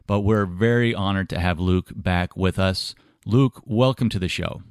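A man hosts an interview podcast with a low, smooth voice. He asks his questions in an earnest, measured way. The recording is close and dry, with no room sound. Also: no echo. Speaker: podcast host.

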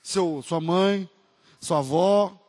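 A man's voice: high-pitched, extremely slow, darkish tone, in a large hall. A man with a Brazilian Portuguese accent, preaching a sermon as pastor, emphatic and acting out voices of church members.

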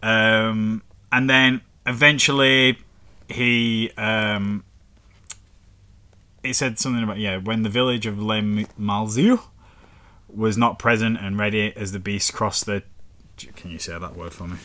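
A man's voice: fairly low pitch, steady tone, a little slow, long pauses, bright, forceful tone. A man with a northern English accent, chatting casually and swearing as he reads out history facts. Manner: rambling and sweary, reading facts aloud. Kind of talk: casual chat.

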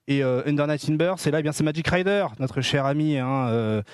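A man's voice: fairly high pitch, a little fast, clean tone, dry recording, studio quality. Joking man hosting a casual stream. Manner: joking, teasing, many fillers. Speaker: host of a fighting-game news stream.

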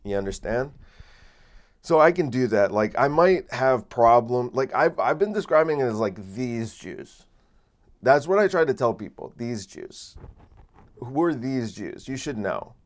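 A podcast host in his late twenties speaks unhurriedly, his medium-pitched voice carrying lively intonation. Rambling on his casual solo show with many fillers and restarts, he is recorded on a microphone via a phone camera and separate microphone.

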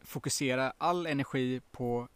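Man, co-vlogger, calm and explanatory, casual chat outdoors. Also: mid-range voice, clear, resonant tone, no echo. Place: outdoors by a lake.

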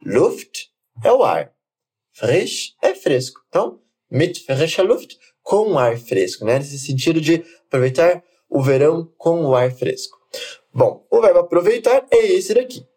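A man teaching German, saying phrases slowly for the learner to repeat and then explaining them quickly. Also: a little high, very animated, mellow. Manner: slow, deliberate model phrases alternating with quick explanations. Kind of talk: language lesson with repeat-after-me drills.

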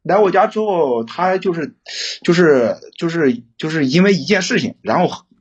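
A young man calling in to an advice show, his voice husky and pitched a little high. He rambles and restarts, swinging his tone up and down a lot as he tells his story. The sound is muffled and lo-fi. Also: expressive. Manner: rambling, halting, many restarts. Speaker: caller seeking relationship advice. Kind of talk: casual phone-in storytelling.

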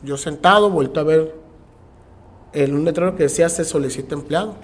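Man, Mexican Spanish accent, podcast guest, animated storyteller, mimics other people's voices, somewhat high voice. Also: a little fast. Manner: animated, acts out the voices of people in his stories. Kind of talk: casual storytelling interview.

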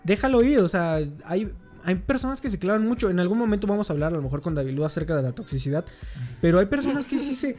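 A man's voice: high-pitched, animated, quick pace, darkish tone, soft background music. A young man with a Mexican Spanish accent, telling stories in slangy casual chat as a podcast host. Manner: slangy, storytelling, lots of filler words.

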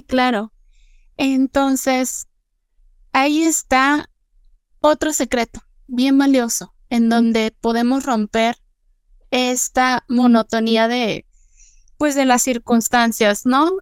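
A woman's voice: a little high, clear, resonant tone, no room sound. A woman, co-hosting a reflective podcast chat and talking earnestly about process and small details. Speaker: podcast co-host.

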